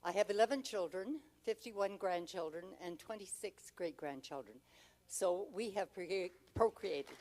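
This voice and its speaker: Very old woman, lower-pitched voice. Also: a little mellow. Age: 90s, very old woman. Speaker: parishioner speaking to couples. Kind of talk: personal testimony and advice to an audience.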